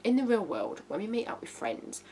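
In an informal tutorial filmed in a small living room, a woman in her thirties gives blunt, emphatic writing advice to camera. Her voice is a little high, very animated, and mellow, at a normal speed. Hum and background noise run through the recording.

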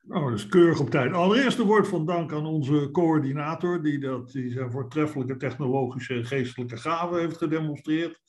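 An older man giving a formal, articulate closing speech on a video call from a study lined with bookshelves. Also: mid-range voice. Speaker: initiator. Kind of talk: concluding speech in an online meeting.

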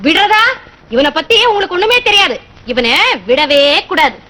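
A woman's voice: very high voice, expressive, moderate pace, heavy background noise. An actress playing a young mother who scolds her mischievous son and speaks politely to guests. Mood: scolding. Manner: scolding, forceful.

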